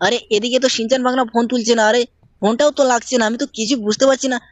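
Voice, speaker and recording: A woman's voice: on the high side, steady tone, rapid-fire, dry recording. A woman narrating a mobile game video in a casual, chatty way, talking straight to her viewers. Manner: chatty, addresses viewers directly. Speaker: gameplay narrator. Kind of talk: casual game commentary with character voices.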